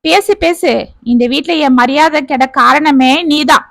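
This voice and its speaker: A woman's voice: sits high, unhurried, fairly bright tone, dry recording. A woman voicing a grumpy retired older man who grumbles and complains, in a family story. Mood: grumbling. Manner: sulking, complaining.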